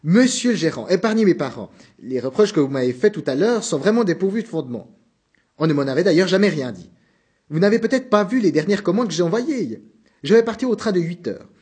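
Panicky young salesman, high and lively, a male reader doing him for a storybook. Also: slightly rough, heavily acted. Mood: pleading. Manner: pleading, hurried, apologetic.

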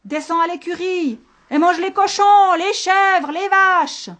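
A woman's voice: very high voice, slow, fairly bright tone, pitched above the performer's own voice, exaggerated voice. A woman voicing a frightened male mountain shepherd who stammers in a trembling voice in a told folk tale. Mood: frightened, stammering.

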